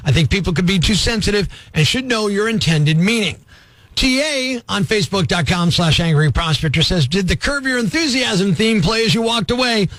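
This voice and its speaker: High-voiced excitable radio host man. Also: normal speed, no echo. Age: 50s. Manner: excitable, joking, laughs often. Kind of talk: morning radio call-in segment. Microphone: studio microphone.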